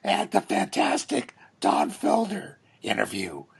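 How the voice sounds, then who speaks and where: A man hosting a podcast with a hoarse voice, trading joking, profane banter in casual chat. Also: high-pitched, huge pitch swings, unhurried. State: hoarse, losing his voice. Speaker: podcast host.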